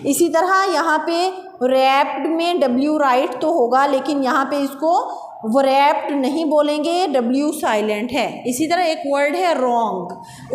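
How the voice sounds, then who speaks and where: Woman, Pakistani accent, high voice, slow patient classroom dictation, echoey room, faint hiss. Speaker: school English teacher. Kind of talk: classroom lecture to children.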